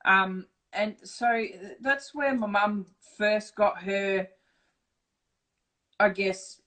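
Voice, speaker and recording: A middle-aged Australian woman telling her story in a casual interview, frank and swearing freely, lively when she acts out dialogue. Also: medium pitch, poor audio. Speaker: interview guest.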